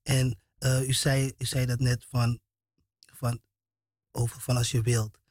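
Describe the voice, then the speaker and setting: A male radio host reads scripture in a steady, level voice with little melody. He speaks hesitantly and restarts his phrases. The studio sound is close and dry. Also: mid-range voice, measured pace, no room sound.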